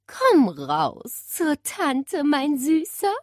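A woman voicing a stern elderly great-aunt who speaks slowly and firmly, sometimes coaxing. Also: fairly high pitch, very animated, breathy edge, no echo, studio quality, voice pushed up, exaggerated voice.

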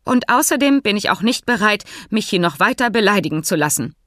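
A woman's voice: medium pitch, expressive, brisk, fairly bright tone, dry recording, studio quality, voice pushed up, natural voice. A woman reading an audiobook, voicing a timid, pedantic male veterinarian who talks stiffly and formally. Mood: indignant. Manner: nervous, stiffly formal, jargon-heavy.

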